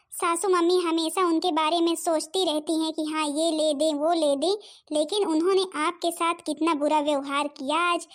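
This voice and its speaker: A woman voicing a sly young daughter-in-law in a cartoon, flattering in a sugary tone. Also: sits high. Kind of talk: Hindi cartoon voice acting.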